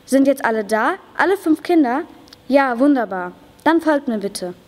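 Fussy, effusive little old chocolate maker read by a girl, high voice, echoing hall. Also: expressive, normal speed. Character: lively, excitable small old male chocolate maker. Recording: long reverb of a school hall.

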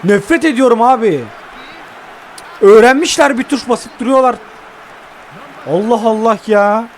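A young man giving excitable live commentary while playing a mobile football game, groaning and cursing at it. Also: very high voice, unhurried, a little hiss or hum.

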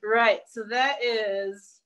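A young woman talks with a high, bright-sounding pitch. She teaches an online zoo class in a chatty, playful way and laughs easily. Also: steady tone, very slow, poor audio. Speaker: zoo educator. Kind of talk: live online zoo lesson.

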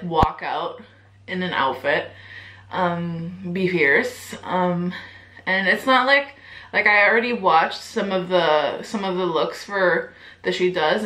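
A woman's voice: fairly low pitch, pushed and bright. A young woman in her twenties chatting casually to camera as a vlogger, giggly and full of filler words and swearing. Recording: echoey room.

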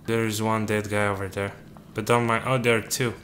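A man's voice: on the low side, little pitch movement, fairly quick, a bit bright, slight background noise. A man giving casual gameplay commentary, joking and talking to the game's characters as if they were his crew. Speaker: let's play gamer.

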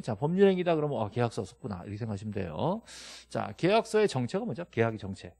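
A man's voice: medium pitch, vocal fry, darkish tone, husky. A middle-aged man lecturing a classroom on property law, scolding and joking with his students and firing rhetorical questions at them. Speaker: real estate law instructor.

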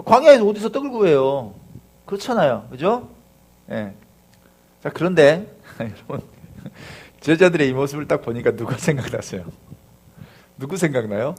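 A man's voice: mid-range voice, lively intonation, normal speed, pauses often, husky. A male pastor preaching a sermon, throwing rhetorical questions at the congregation and acting out the voices of the people he describes.

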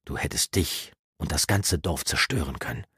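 A man voicing a gruff, guarded older male mentor in an audiobook, speaking in a grave, lecturing way with a husky voice. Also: very deep voice, lively intonation, moderate pace, fairly bright tone, dry recording, clean studio sound, exaggerated voice. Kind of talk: audiobook character reading.

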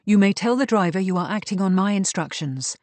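A man's voice: high voice, animated, brisk, no room sound. A man doing a composed young lady, polite, firm, urgent, dry close sound. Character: resourceful young woman, polite but firm.

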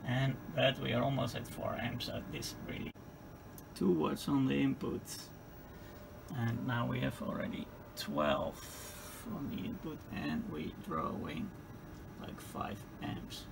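A male hobbyist with a Dutch accent demonstrates equipment unscripted at an indoor electronics workbench, his medium-pitched voice gravelly and thick with vocal fry. He speaks haltingly and hesitantly, repeating words as he goes. The room recording is clearly noisy.

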